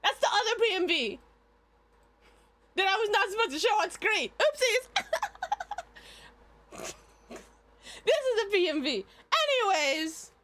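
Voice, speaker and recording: A woman's voice: very high-pitched, big pitch swings, moderate pace, fairly bright tone, a little hiss or hum. A young woman chatting casually on a livestream in a hyper, giggly, scattered way, often repeating herself.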